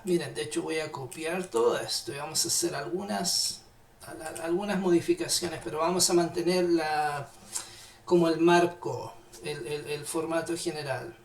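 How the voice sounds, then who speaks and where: A man teaching English in a live online class, patiently repeating phrases slowly. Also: a little high, fairly even intonation, far from the mic. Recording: echoey room, off-mic.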